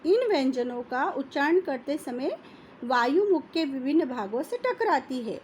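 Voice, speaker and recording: Woman teaching a lesson, slow and careful, repeats each sound, bit of faint noise behind. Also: sits high, big pitch swings, a little mellow. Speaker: Hindi teacher. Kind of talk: classroom lesson.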